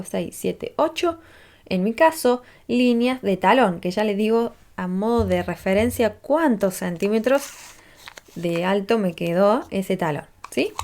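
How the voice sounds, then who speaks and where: A woman's voice: mid-range voice, a little mellow. A woman, patiently teaching a crochet tutorial step by step and checking in with listeners as she counts rows aloud. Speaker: crochet instructor.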